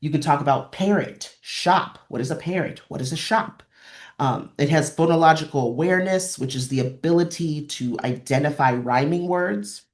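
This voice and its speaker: This librarian training session is led by a woman whose voice sits low and moves at a moderate pace. Her instructional webinar talk is encouraging, uses examples, and repeats phrases to stress key points.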